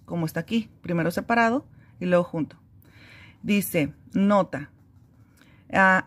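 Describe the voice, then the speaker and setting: A woman with a slightly low voice walks through a reading lesson step by step. She talks in an easygoing, explanatory way, pausing on fillers as she goes. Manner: relaxed, explanatory, frequent fillers. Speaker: homeschooling teacher.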